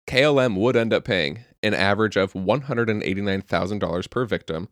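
A young man with a lowish voice that swings lively up and down co-hosts a casual podcast. He reads out facts, then drifts into jokes and swearing. The sound is close and dry. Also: brisk, no room sound. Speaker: podcast co-host. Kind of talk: casual chat, telling a story from notes.

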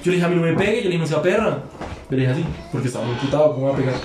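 A man's voice: a little high, animated, racing, echoey room. A young man telling a long story among friends, slangy and profane, acting out both sides of a quarrel. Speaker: podcast guest.

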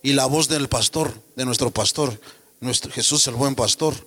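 A man preaching a sermon with passion, firing rhetorical questions and rising to shouts. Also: medium pitch, moderate pace, husky. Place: church. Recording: long church hall reverb.

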